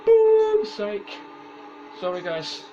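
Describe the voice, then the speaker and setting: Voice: mid-range voice, animated, normal speed, highs cut off, over music, close to an everyday voice. A commentator voicing exasperated, unlucky racing drivers who exclaim and complain in a whiny, blokey way. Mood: indignant, frustrated. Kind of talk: acted driver outbursts.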